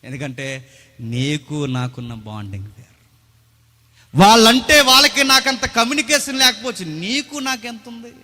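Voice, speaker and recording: A man's voice: sits high, big pitch swings, moderate pace, sharp tone, big-room sound. A man preaching a sermon with dramatic delivery, posing rhetorical questions and acting out the voices of people he quotes. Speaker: pastor. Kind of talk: Telugu sermon with acted dialogue.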